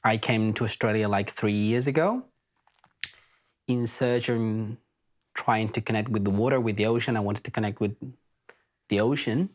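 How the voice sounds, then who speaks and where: A man's voice: on the low side, moderate pace, long pauses. A man from Argentina with an Argentine accent, hosting a podcast and telling his story in an earnest, reflective way. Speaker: podcast host. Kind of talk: casual spoken introduction.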